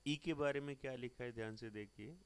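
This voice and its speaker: A man's voice: mid-range voice, a little fast. An Indian man teaching English grammar, who mixes Hindi and English, spells words out letter by letter, and keeps telling the class to look carefully.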